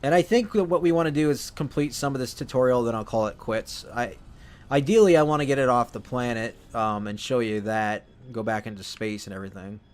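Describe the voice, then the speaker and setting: A man casually commenting while he plays a video game, thinking out loud and often correcting himself. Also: mid-range voice, brisk. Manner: rambling, self-correcting, thinking aloud. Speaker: let's play host.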